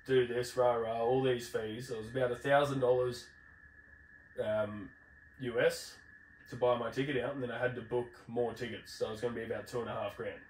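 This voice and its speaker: A man's voice: mid-range voice, level tone, fairly quick. A man with an Australasian accent tells anecdotes in casual, slangy, swear-laden talk. His voice sits back from the microphone in an echoey room, with faint noise behind it. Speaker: podcast host. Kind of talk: casual chat, telling travel anecdotes. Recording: roomy, distant mic, faint background noise.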